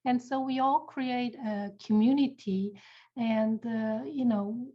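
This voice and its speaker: A woman's voice: fairly high pitch, fairly even intonation, takes it slowly, dull audio. A woman in her fifties from Portugal, speaking thoughtfully and unhurriedly as a chemistry professor on a panel. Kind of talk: panel discussion.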